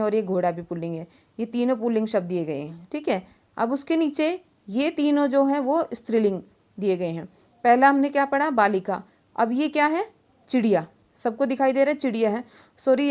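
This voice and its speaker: A young woman teaching a lesson in a fairly high voice. She walks through each point slowly, asks questions and answers them herself, and keeps checking in with a quick "okay?". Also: darkish tone. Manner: explains step by step, asking and answering her own questions; says "ठीक है" often to check understanding. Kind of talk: online class lesson.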